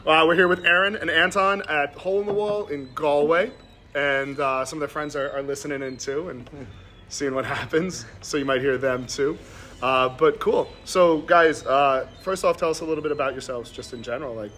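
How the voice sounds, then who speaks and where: A man's voice: on the high side, normal speed, a bit bright, a little hiss or hum. An American man hosting a casual interview, asking simple questions in a slightly hesitant way. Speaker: podcast host, interviewer. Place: in a bar.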